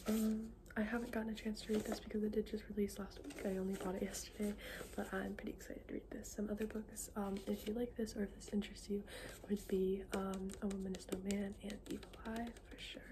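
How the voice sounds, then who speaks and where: A woman whispering softly in an ASMR style as she chats about books, informal and halting, often trailing off. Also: medium pitch, flat delivery. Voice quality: soft unvoiced whisper. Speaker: ASMR book video creator. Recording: clearly noisy, with clicking sounds.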